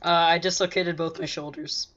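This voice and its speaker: A man's voice: on the high side, little pitch movement, normal speed, fairly bright tone, muffled recording. A male co-host of a gaming channel chatting casually over gameplay, telling a story in an easygoing way with many fillers.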